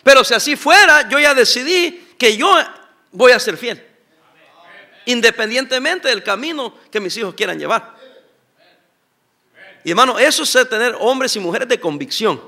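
High, bright-voiced preaching pastor. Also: male voice, lively intonation, moderate pace, pauses often. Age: middle-aged. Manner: preaching with call-and-response questions. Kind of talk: sermon.

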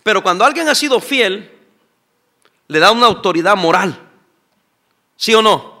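High, bright-voiced preaching pastor. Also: male voice, animated, normal speed. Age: middle-aged. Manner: preaching with call-and-response questions. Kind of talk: sermon.

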